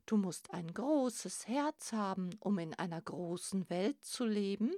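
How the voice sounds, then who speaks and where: A woman voicing a huge, wise old male crab with a booming, calm manner in a storybook. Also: measured pace, no room sound, natural voice.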